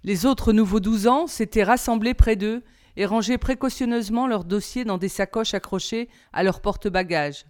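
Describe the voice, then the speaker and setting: A woman reads a novel aloud as a teacher, in calm, even storybook narration. Her voice is smooth and clear, sitting at a middle pitch. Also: moderate pace.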